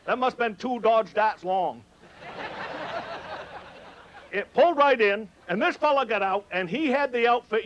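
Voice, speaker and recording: A man's voice: high voice, fairly bright tone, muffled recording. A man from Maine with a Maine accent, telling comic stories live in a folksy rustic dialect and teasing his audience. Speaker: humorist telling stories on stage. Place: on stage before an audience.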